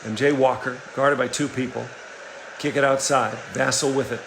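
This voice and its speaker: A middle-aged man calling a basketball game play by play, energetic and rising in excitement on big plays. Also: mid-range voice, moderate pace, gravelly, noisy background. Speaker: play-by-play commentator. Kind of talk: play-by-play sports commentary. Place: home setup, voice-over for a replayed game.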